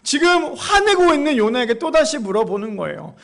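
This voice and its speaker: A man's voice: very high voice, very animated, fairly quick, gravelly, a bit bright. A man preaching a sermon as pastor, emphatic, often quizzing the congregation.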